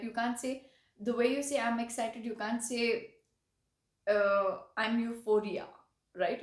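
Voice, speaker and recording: Higher-pitched woman teaching vocabulary. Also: echoey room. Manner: explanatory, checks in with "right?". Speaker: English teacher. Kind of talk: vocabulary lesson.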